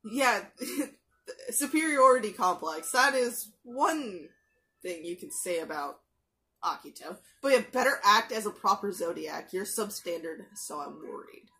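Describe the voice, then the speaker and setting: Speaking into a gaming headset in a small bedroom, this young anime reaction YouTuber has a medium-pitched, bright, forceful voice with lively intonation. Her loose commentary is packed with fillers, quick asides and sentences she keeps restarting.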